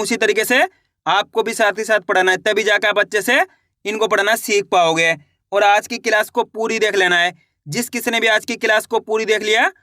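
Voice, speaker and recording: Slow, syllable-by-syllable male teacher. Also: sits high, pushed and bright, no room sound, studio quality. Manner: sounds out letters slowly one by one, checks in with "clear?"; encouraging, addresses viewers as friends. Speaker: reading teacher. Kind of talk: beginner reading lesson.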